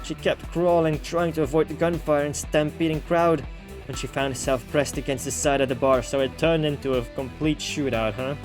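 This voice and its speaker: Reading a visual novel aloud over game music with guitar, a male gaming host keeps up casual, slang-filled commentary. His voice sits a little high, with a steady tone at normal speed.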